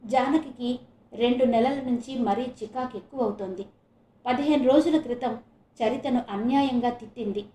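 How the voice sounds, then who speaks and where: A woman from Visakhapatnam reads a novel aloud with measured, dramatic pacing. Her voice sits a little high, and the room around her gives a noticeable echo. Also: dark tone. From Visakhapatnam, India. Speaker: audiobook narrator. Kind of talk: audiobook narration.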